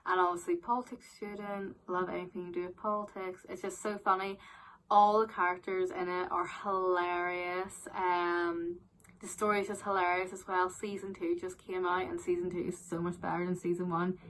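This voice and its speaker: A woman's voice: on the low side, normal speed, a little hiss or hum. A young woman with a Northern Irish accent chatting casually through viewer questions, with lots of fillers. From Northern Ireland. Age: young adult. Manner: chatty, animated, frequent "like" and "um" fillers. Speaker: vlogger answering viewer questions. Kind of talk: casual Q&A chat.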